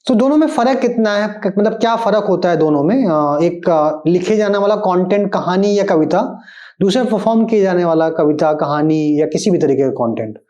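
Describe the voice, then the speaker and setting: A man's voice: high-pitched, animated, normal speed, warm tone, reverberant, muffled recording. A man hosting an interview, asking long, searching questions. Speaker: interview host. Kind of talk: interview conversation.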